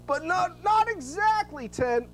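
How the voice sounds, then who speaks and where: A woman's voice: very high-pitched, lively intonation, slow pace, a little hiss or hum, exaggerated voice. A woman playing a naive, scatterbrained but good-hearted male hero in a comedy audio drama, dopey and earnest. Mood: tipsy, rambling.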